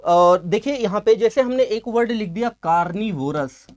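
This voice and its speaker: Expressive and high-pitched at a normal speed, a man leads an exam-prep English vocabulary class. He raises his own questions, supplies the answers, and stretches out the key terms to emphasize them.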